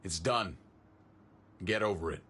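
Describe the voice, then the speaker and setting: A man's voice: low-pitched, unhurried, noisy background. An actor playing a hardened, curt militia leader and estranged father in a dramatic video game. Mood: stern, commanding. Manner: curt, commanding.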